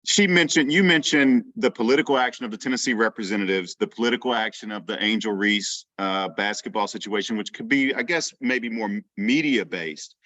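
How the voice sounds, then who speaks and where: A man's voice: lowish voice, fairly quick, few pauses, sharp tone, no room sound, highs cut off. A man at a meeting asks the guest a tentative, rambling question over a video call. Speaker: attendee asking a question.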